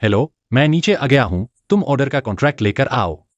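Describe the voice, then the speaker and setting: A young man playing a calm, reassuring hero in a dubbed drama. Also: medium pitch, a little fast, no echo, dull audio, close to an everyday voice.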